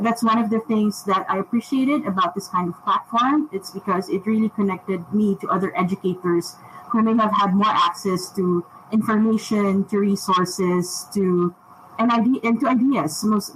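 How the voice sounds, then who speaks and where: A woman's voice: mid-range voice, background noise. A woman guest, a teacher, speaking with enthusiasm on a live-streamed interview over a video call. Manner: enthusiastic, animated.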